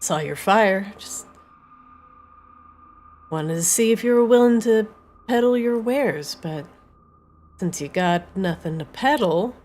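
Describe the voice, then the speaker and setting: A woman voicing a shady male highwayman in a tabletop game, hesitant and drawn-out, wheedling with false casualness. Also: animated, a little mellow. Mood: falsely casual, pushy. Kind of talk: tabletop game role-play.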